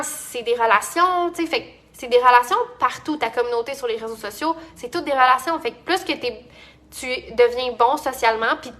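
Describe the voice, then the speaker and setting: Bright-voiced Québécoise business coach. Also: female voice, high voice. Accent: Quebec French. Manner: chatty, many fillers and restarts. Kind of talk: casual motivational monologue.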